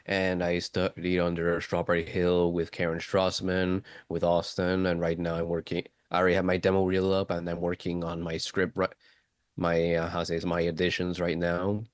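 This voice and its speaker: A man's voice: sits low, monotone, moderate pace, no room sound, studio quality. A man training as a voice actor, introducing himself earnestly on a video call and sometimes searching for his words. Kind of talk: casual video call chat.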